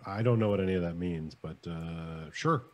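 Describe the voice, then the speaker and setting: A man's voice: low-pitched, moderate pace. A man chatting casually as a player in a tabletop game. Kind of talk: casual chat.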